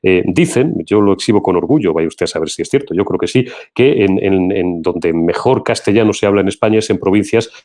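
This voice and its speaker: A man's voice: brisk, hardly any pauses, darkish tone. Emphatic Castilian Spanish man hosting. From Spain. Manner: emphatic, indignant, pitch rising when heated. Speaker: host. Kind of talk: political commentary talk show.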